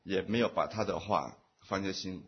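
A man giving a personal testimony at a church meeting, speaking in short phrases and pausing for an interpreter. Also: deep voice, slight background noise. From Taiwan. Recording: muffled lo-fi recording.

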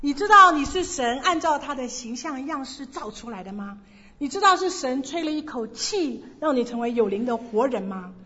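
A woman preaching an evangelistic sermon, gently asking her listeners a long string of rhetorical questions. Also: sits high, muffled recording.

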